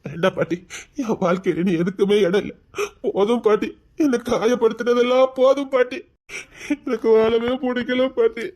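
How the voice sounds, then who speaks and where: A man's voice: very high voice, steady tone, moderate pace, a little mellow. A man playing a heartbroken young man who was rejected by his bride, speaking with a Tirunelveli accent in a pleading, despairing way. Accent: Tirunelveli Tamil. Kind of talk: village comedy drama acting.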